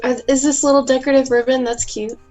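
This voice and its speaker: A woman's voice: high voice, level tone, a little mellow, faint music behind. A woman playing a tabletop game, firing off eager questions. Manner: eager, rapid-fire questions. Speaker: player. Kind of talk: casual tabletop play.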